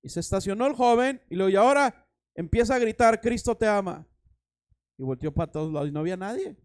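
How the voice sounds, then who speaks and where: A man's voice: sits high, lively intonation, fast, clear, resonant tone. A man preaching a sermon as pastor, dramatic, acting out voices and stories.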